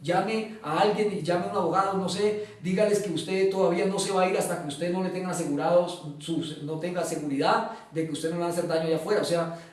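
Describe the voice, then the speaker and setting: High-voiced man telling his testimony. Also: steady tone, fast talker. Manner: earnest storyteller, acts out quoted dialogue, hesitant fillers. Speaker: guest giving testimony. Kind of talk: personal testimony in an interview. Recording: echoey room, mic at a distance.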